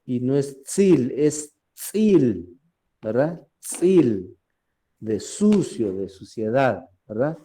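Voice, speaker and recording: A man teaching a language class in a very slow, unhurried way, his voice dark and mellow. He says each word more than once and keeps checking with "¿verdad?". He clears his throat from time to time. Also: medium pitch, big pitch swings. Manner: slow, repeats words and asks "¿verdad?" often.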